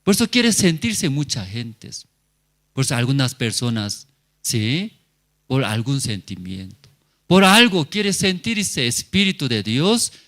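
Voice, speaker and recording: A man's voice: mid-range voice, sing-song, slow, a bit bright. A male pastor preaching a sermon at a church service, speaking in short, simple phrases and often turning to the congregation with questions.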